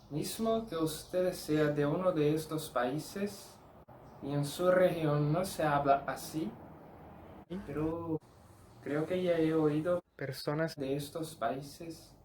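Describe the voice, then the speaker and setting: Slow, deliberate man. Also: fairly high pitch, a little mellow, echoey room, a little hiss or hum, low-quality recording. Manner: slow and deliberate, spells out and repeats each sound. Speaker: language teacher. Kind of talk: pronunciation lesson.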